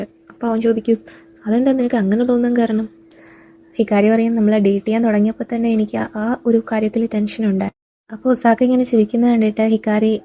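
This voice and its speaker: A woman narrating a casual recap of a drama series, retelling scenes and quoting the characters in a plain voice with drawn-out fillers. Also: medium pitch, dark tone.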